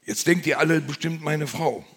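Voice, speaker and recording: A man preaching a sermon in a conversational, confiding way, dropping to near-whispers and rising to loud emphasis. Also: a little high, moderate pace, husky. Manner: conversational, confiding, swings between hushed and loud.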